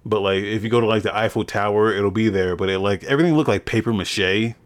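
A man with a fairly low voice riffs on games as a podcast co-host. He rambles loosely and swears casually. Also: fast talker. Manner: laid-back, rambling, swears, laughs along. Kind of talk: casual gaming chat.

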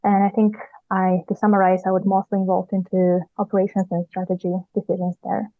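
Woman panelist from Ukraine, careful and deliberate; thin phone-line sound. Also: mid-range voice, level tone, no echo. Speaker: MBA student panelist. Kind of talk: podcast interview answers. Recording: phone-like remote recording.

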